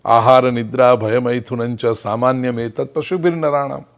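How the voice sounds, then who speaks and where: A middle-aged man delivers a spiritual discourse at a medium pitch. He tells a parable and acts out its quoted lines. He stretches out emphatic phrases word by word. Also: steady tone. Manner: storytelling with acted quotes, slow emphatic English phrases. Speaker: spiritual speaker. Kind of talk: Gujarati spiritual discourse with storytelling.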